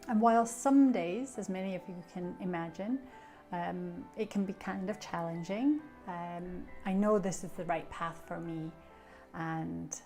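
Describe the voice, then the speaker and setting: A middle-aged coach from Scotland, who is also an association treasurer, introduces herself and offers coaching tips. Her lowish voice is a little mellow, and she speaks reflectively with fillers.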